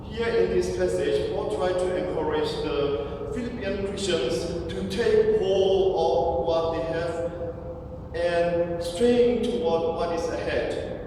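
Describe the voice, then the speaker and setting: A man in his thirties from Burma, preaching a sermon in a slow, measured way with frequent pauses and fillers. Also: high voice. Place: church sanctuary. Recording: distant mic in echoey hall with noise.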